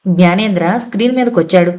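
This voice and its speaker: A woman's voice: fairly low pitch, fast talker, a little mellow. Woman narrating an audio novel. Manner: reads all characters herself, quoted lines lightly voiced.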